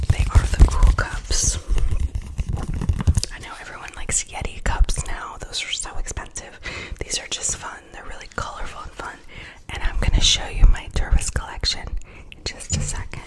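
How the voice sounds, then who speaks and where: A woman whispering an ASMR unboxing and chat in a soft, breathy, soothing voice, repeating words and phrases. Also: moderate pace, low-quality recording. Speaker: ASMR creator and host.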